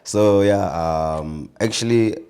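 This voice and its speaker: South African actor in his twenties, very low voice, relaxed and laughing guest. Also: slow, smooth. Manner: relaxed, laughs often, repeats words. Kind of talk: casual interview chat.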